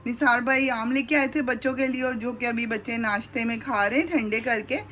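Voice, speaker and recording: A woman's voice: a little high, steady tone, fairly quick, pushed and bright, slight background noise. A middle-aged woman chatting casually to viewers as she cooks breakfast in her home kitchen, speaking fondly to her sons, recorded on a handheld camera. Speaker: vlogger and mother. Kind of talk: casual cooking vlog narration.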